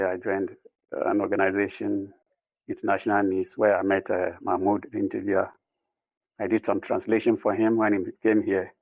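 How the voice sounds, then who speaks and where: Man as podcast guest, low gravelly voice, plain steady storyteller. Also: no room sound, low-quality recording. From Ghana. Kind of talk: conversational self-introduction.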